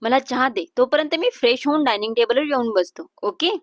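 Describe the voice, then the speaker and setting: A woman voicing a confident, teasing young husband in a storybook romance, dropping her voice lower and keeping it calm. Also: a little fast, dry recording, studio quality, lightly acted.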